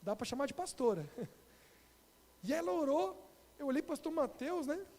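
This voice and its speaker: A Brazilian pastor with a Brazilian Portuguese accent, telling a story in an animated sermon and addressing the congregation directly. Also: male voice, very high voice, normal speed. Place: church. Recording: long reverb of a church hall.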